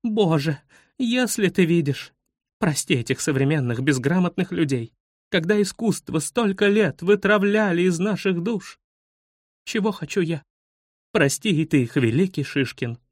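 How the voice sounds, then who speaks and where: A man's voice: high-pitched, animated, a little slow, dry recording, clean studio sound. A man voicing an indignant woman museum guide in a storybook reading, theatrical and easily outraged. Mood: pleading.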